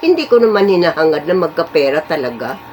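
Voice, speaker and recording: A woman's voice: sits low, sing-song, fast talker, darkish tone, a little hiss or hum, low-quality recording. A woman in her eighties chatting casually as a vlogger. She rambles and stresses her points, often stopping to affirm what she just said. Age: 80s. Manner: chatty, rambling, emphatic, repeats and affirms with fillers. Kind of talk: casual chat.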